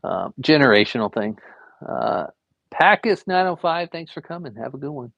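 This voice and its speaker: A young adult man, art teacher and variety streamer, chats and draws live at home in a fairly high, creaky voice with lively intonation at normal speed. The audio has no echo and its highs are cut off, while he rambles casually with plenty of fillers.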